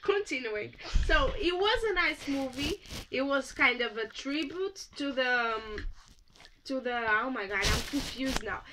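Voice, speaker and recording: In this casual movie review vlog, a young woman from Portugal speaks in a high, expressive voice, somewhat slowly, against a noisy backdrop. Her Portuguese-accented chat about films she watched is packed with fillers and false starts.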